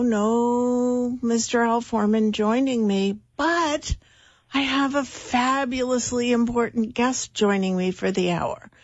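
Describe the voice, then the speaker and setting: A woman's voice: medium pitch, darkish tone, dry recording. A woman hosting a radio talk show, gushing and welcoming toward her guest. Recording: dull lo-fi radio audio.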